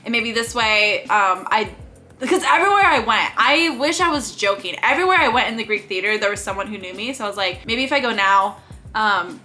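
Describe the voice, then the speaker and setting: A young adult woman telling an animated storytime to her viewers, chatty and full of laughs. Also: medium pitch, soft background music. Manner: animated, fast-talking storyteller with lots of "like" and laughs. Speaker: YouTuber. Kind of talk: storytime vlog.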